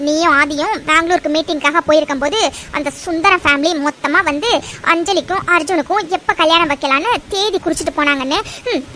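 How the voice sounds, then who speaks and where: A woman's voice: extremely high pitch, fairly bright tone, a little hiss or hum. A woman voicing a scheming, fretful mother in a cartoon, who talks in an agitated, scolding way. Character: scheming, fretful mother plotting against her daughter-in-law. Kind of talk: cartoon voice acting.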